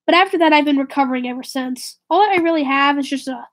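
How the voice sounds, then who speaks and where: A woman with a high, fast voice live streams and chats casually with viewers. Slightly raspy and stuffy-nosed from a cold, she rambles, corrects herself, and sometimes drifts into a whisper.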